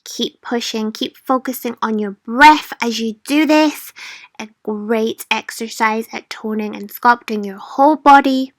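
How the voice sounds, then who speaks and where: A woman's voice: on the high side, measured pace, no room sound. A woman fitness instructor guiding viewers through a workout in an informal, encouraging, motivational way. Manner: addresses listeners informally as a group.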